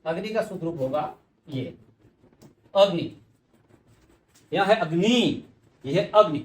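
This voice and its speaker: A man's voice: a little high, expressive, slow, reverberant, a little hiss or hum. A man teaching spelling for exams, patiently repeating words and answering his own questions. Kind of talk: exam-prep lesson.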